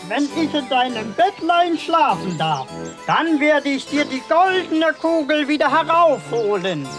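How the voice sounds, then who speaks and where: A woman voicing a slow, halting frog in a radio play, drawing the words out. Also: sits high, sing-song, voice pushed up. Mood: pleading. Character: slow, halting frog who cannot croak. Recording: music playing behind.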